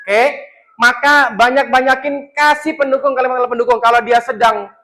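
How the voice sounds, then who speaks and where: A man with a Javanese accent giving a lively parenting talk to parents at a school, joking with them and acting out parents and children. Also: extremely high pitch, brisk. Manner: jokes with the audience and acts out parents and children. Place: school hall with a parent audience.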